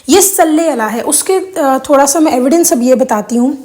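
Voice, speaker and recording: A woman with a high, darkish voice, a native Urdu speaker, hosts a casual religious video on correct prayer recitation. Speaking earnestly to her audience, she gives examples and slips English phrases into her talk.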